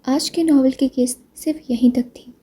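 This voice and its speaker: Woman reading a novel, high voice but mellow, steady pace. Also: breathy edge. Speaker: novel narrator.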